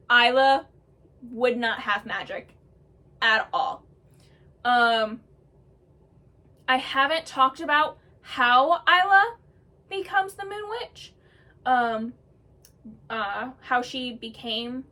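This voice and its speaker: This vlogger tells stories about characters she created, her voice high and bright as she addresses viewers informally. Excitement spills out in gushing bursts, punctuated by frequent "um"s.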